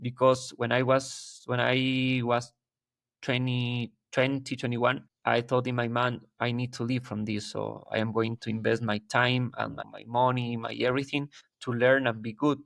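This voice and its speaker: A man's voice: mid-range voice, little pitch movement, moderate pace, gravelly, a bit bright, no room sound, studio quality. A man in his thirties from Ecuador with an Ecuadorian Spanish accent, a guest talking in a casual interview, earnest and hunting for his words as he goes. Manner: earnest, searching for words, frequent restarts. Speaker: guest wildlife photographer.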